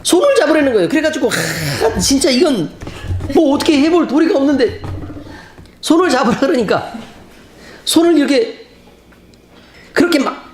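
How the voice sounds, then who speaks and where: A man preaching in a church sanctuary. His pitch swings widely as he tells stories and acts out scenes, and his voice rings around a roomy hall with faint noise. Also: moderate pace, pauses often. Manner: animated storytelling, acting out scenes. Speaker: pastor. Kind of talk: sermon.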